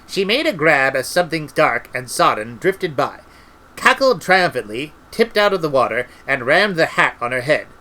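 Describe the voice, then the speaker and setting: Middle-aged male reader, bright voice, animated comic narration. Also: a little high, moderate pace, low-quality recording. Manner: lively, expressive storytelling. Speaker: audiobook reader. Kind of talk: comic novel reading.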